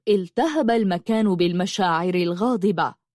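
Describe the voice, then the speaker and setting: A woman's voice: fairly low pitch, fairly quick, no echo. Woman narrating a story, dry sound. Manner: steady, dramatic storytelling. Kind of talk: audiobook narration.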